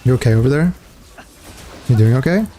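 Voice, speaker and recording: A man's voice: medium pitch, lively intonation, a little fast, warm tone. Rambling young guy streaming games. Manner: rambling, filler-heavy, says "dude" and "bro". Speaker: livestreamer. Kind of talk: casual gaming chat.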